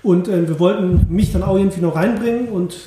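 A high-voiced, mellow man, a podcast co-host who works as a journalist and copywriter, speaks unhurriedly with lots of fillers in a casual conversational interview. The room is very echoey, with slight background noise.

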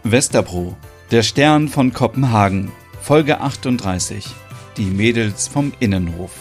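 A man narrating a scripted audio soap opera in a calm, measured way. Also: lowish voice, soft background music.

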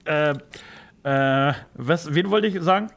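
A man's voice: fairly high pitch, takes it slowly, creaky, a bit bright. Rambling German man, casual banter. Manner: rambling storyteller, many fillers and restarts. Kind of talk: casual chat.

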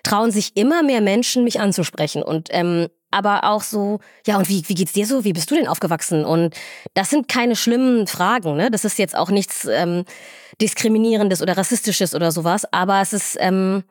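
A young woman, a resident doctor, speaking reflectively with many pauses and fillers in a podcast interview. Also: mid-range voice, dry recording, studio quality. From Somalia, raised in Germany. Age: young adult. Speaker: resident doctor in gynecology and obstetrics.

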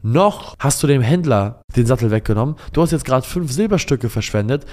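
A man's voice: medium pitch, animated, a little fast, a little mellow, voice pushed up, close to an everyday voice. A man voicing an agitated six-year-old boy who speaks urgently and insistently in a told story. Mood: indignant.

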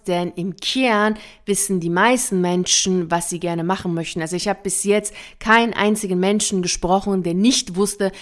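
A woman giving a motivational self-help talk as a career coach, speaking calmly and directly to the listener and building her points in repeated lists. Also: medium pitch.

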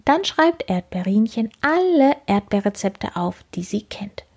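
A woman reading a children's story aloud, gentle and hushed, often half-whispering. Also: mid-range voice, big pitch swings, a little slow, husky. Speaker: reader.

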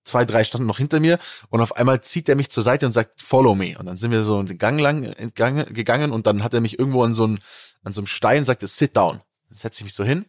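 A man on a podcast telling an animated anecdote in casual chat, with many fillers and restarts. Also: mid-range voice, quick pace, no room sound, clean studio sound. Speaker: podcast co-host.

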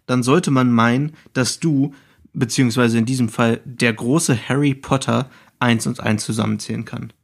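A man's voice: mid-range voice, steady tone, moderate pace, vocal fry. A man co-hosting a casual book podcast, sarcastic in his remarks and reading the narration aloud. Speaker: podcast co-host and narrator of excerpts.

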